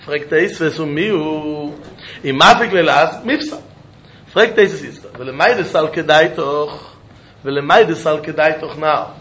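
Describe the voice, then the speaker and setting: A man's voice: fairly high pitch, measured pace, fairly bright tone. A man with a Yiddish accent giving a Talmud lecture, posing questions and answering them argumentatively, repeating phrases for emphasis. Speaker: religious teacher giving a Talmud lesson. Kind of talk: Talmud lecture mixing English with Yiddish and Hebrew. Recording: muffled, echoey room recording.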